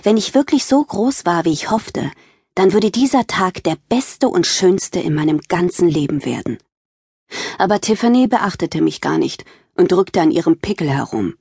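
Husky woman reading a children's audiobook. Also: lowish voice, normal speed, dry recording, clean studio sound. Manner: lively, expressive storytelling. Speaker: audiobook narrator. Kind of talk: first-person children's audiobook narration.

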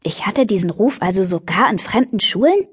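A woman narrating a teen novel in the first person, lively and expressive. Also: mid-range voice, normal speed, husky, dry recording, clean studio sound. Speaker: audiobook narrator.

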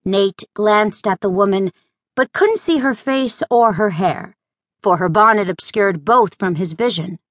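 A woman narrating an audiobook in an unhurried, measured read. The studio sound is dry and close, with no room echo, and her voice has a middle pitch. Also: a bit bright.

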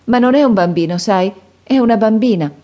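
A woman's voice: on the high side, brisk, warm tone, voice pushed up, natural voice. A woman voicing a young widowed mother who speaks sweetly and eagerly through tears, in a storybook reading. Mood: tender.

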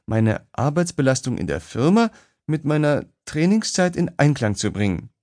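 A man's voice: on the high side, sing-song, normal speed, a little mellow, voice pushed up. Man putting on a teasing young woman's voice. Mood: evasive. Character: young woman, ballet dancer, teasing and bubbly. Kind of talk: audiobook character voice.

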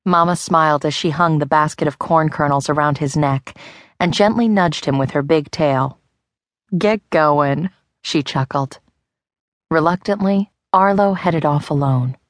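A woman narrating a children's audiobook in a lively, expressive storytelling manner. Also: low voice, no echo, studio quality. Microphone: close studio mic.

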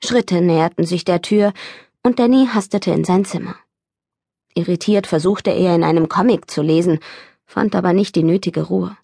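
A woman reading an audiobook in steady, measured scripted narration, recorded close in a studio. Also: on the low side, vocal fry, breathy edge, dry recording. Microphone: studio microphone, close.

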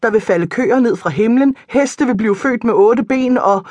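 A woman reading an audiobook, voicing a flustered, excitable young woman. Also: fairly high pitch, no echo, lightly acted. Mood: excited.

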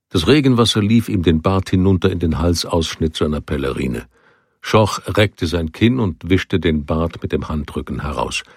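A man narrating an audiobook in a calm, measured storytelling manner. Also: low voice, no room sound, clean studio sound. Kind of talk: scripted narration.

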